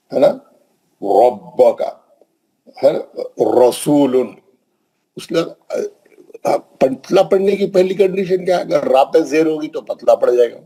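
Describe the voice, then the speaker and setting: A man teaching Quran recitation rules, asking questions and answering them, with slow drawn-out recited examples. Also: on the high side, warm tone, slightly rough, poor audio. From Hyderabad, India. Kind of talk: classroom tajweed lesson.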